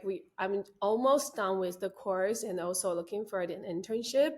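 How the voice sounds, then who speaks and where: A woman, a student guest, introducing herself in a plain, matter-of-fact way. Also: mid-range voice. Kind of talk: casual interview.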